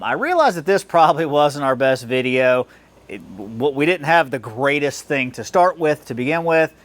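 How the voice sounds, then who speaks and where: A man's voice: mid-range voice, fairly bright tone. A man, a professional mechanic hosting a repair channel, talking casually to camera in a repair shop, rambling and restarting as he earnestly warns viewers. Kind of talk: casual wrap-up talk to camera. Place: auto repair shop with a lift.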